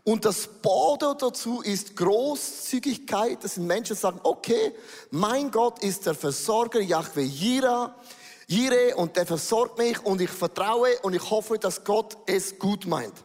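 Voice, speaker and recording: A man preaching a lively sermon as pastor, dropping English phrases into his German. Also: high voice, unhurried, big-room sound.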